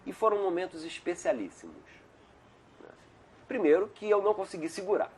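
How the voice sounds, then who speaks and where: A middle-aged male doctor, appearing as an interview guest over a video call, has a high, expressive voice and talks briskly. He's chatty and wanders off on tangents, often tagging "né?" onto his sentences. A slight hiss or hum sits in the background.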